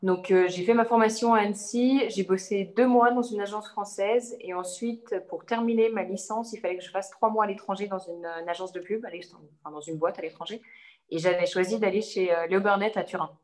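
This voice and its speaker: A woman's voice: mid-range voice, steady tone, brisk, darkish tone. A young woman from the Savoie region of France, talking casually as an interview guest, hesitant and full of fillers and restarts. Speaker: interview guest, advertising creative.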